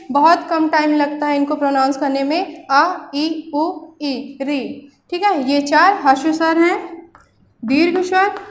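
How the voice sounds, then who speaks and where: A woman with a central Indian Hindi accent teaches a recorded grammar lesson in a high voice. She is patient and checks in with her students again and again. The room around her rings with echo. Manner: patient, repeats "ठीक है ना" as a check-in. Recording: roomy echo.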